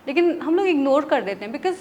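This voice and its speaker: A woman's voice: high-pitched, lively intonation, fairly quick, darkish tone, lo-fi sound, a little hiss or hum. A woman from Odisha, a tarot reader and interview guest, tells a story in a chatty way, mixing in English words and checking in with her listener. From Odisha, India.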